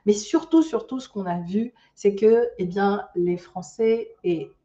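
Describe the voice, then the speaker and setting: A woman's voice: mid-range voice, unhurried, dark tone. Woman trainer, dull distant mic. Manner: loose spoken delivery with many fillers and restarts. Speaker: ecotourism business trainer. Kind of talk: online master class talk.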